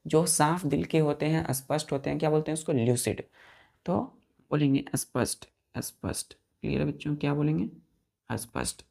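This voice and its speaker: A woman teacher with a low, creaky, warm voice speaks at a normal pace through a vocabulary lesson. She spells out words letter by letter and counts the letters aloud. Again and again, she puts questions to her class.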